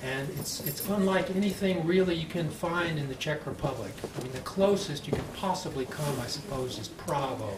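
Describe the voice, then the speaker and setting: Male moderator, standard American accent, measured panel introduction, distant echoey recording. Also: on the high side. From United States. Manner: slow, clearly enunciated, deliberate delivery. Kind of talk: introducing a public panel discussion. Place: conference panel room, indoors. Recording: echoey, noisy room, distant mic.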